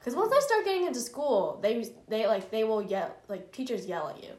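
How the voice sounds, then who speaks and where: A young woman with a fairly high voice chats loosely, rambling and circling back with plenty of fillers. She sounds like she is in an echoey room during a casual family podcast. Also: very animated, fairly quick, darkish tone. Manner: chatty, rambling with many fillers. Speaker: podcast co-host.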